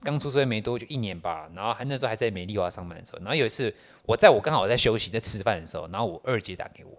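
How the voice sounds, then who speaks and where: A man with a Taiwanese Mandarin accent, telling a story in a relaxed podcast chat with casual slang. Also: lowish voice, racing. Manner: storytelling, laid-back, sprinkles mild slang. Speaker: podcast co-host.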